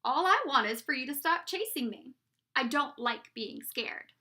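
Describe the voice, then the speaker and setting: A woman's voice: high voice, animated, measured pace, bright, forceful tone, exaggerated voice. A woman voicing a big, apologetic male dragon in a children's picture book, speaking earnestly.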